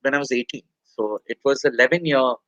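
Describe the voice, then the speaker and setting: An Indian man in his forties speaks candidly as an interview guest, soft-spoken and halting, with frequent pauses and fillers. His pitch sits in the middle range, and the audio is dull with no echo.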